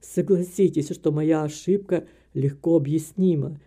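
A woman reading a guilt-stricken old father in an audiobook, in a lowered, heavy, pleading voice. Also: a little slow, warm tone, husky. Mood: remorseful.

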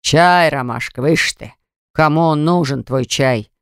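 Reader putting on a hot-headed old dad, slow and grumbly, dry sound. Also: medium pitch, clear, resonant tone, no room sound, close to an everyday voice. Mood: indignant. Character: indignant elderly father, hot-tempered and dramatic. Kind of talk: audiobook character voice.

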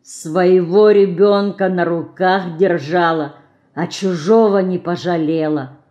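Woman doing a slow, sorrowful pious peasant woman. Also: medium pitch, mellow, highs cut off, natural voice. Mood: mournful. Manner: slow, mournful, stern.

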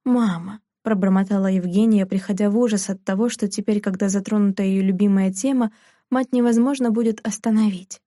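Mellow woman narrating an audiobook. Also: medium pitch, fairly even intonation, brisk, no echo, studio quality. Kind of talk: scripted narration.

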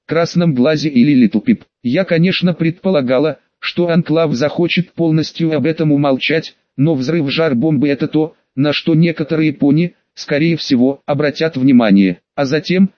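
A man reading an audiobook, voicing every character in the same steady narrating voice. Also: a little high, moderate pace, few pauses, dry recording, lo-fi sound. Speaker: audiobook reader. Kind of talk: audiobook narration of fan fiction.

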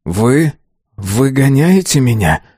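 A man's voice: very animated, slow pace, warm tone, slightly rough, no room sound, studio quality, full character voice. Man voicing a desperate young disciple crying out. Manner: crying out, high and broken.

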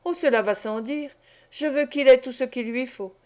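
A scheming old man, a receiver of stolen goods, gleeful and sly, who mocks and cackles as he talks, read by a woman in an audiobook. The voice sits a little high. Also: normal speed, darkish tone, lightly acted. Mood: coaxing. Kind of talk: audiobook character reading.

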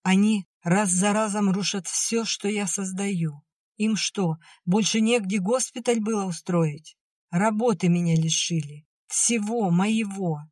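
A woman reading the part of a stern, sharp-tongued older sister who scolds and snaps. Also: on the low side, normal speed, dry recording, studio quality, natural voice. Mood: angry. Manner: curt, scolding, irritable.

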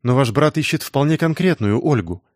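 A man's voice: mid-range voice, animated, normal speed, a little mellow, no room sound, natural voice. A young woman detective, hesitant at first but pushy and eager, as a male narrator lifts his voice for her. She is recorded close and dry, in an audiobook reading. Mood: unsure.

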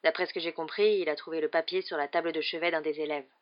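A woman voicing a gaunt, haunted escaped man with a hoarse voice, in a dull, muffled audiobook recording. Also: low-pitched, steady tone, fast talker, close to an everyday voice. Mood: grim.

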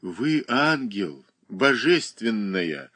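A man voicing a sentimental, self-pitying woman who coos pet names in a slow, plaintive way. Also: fairly low pitch, big pitch swings, bright, forceful tone, slightly rough, heavily acted.

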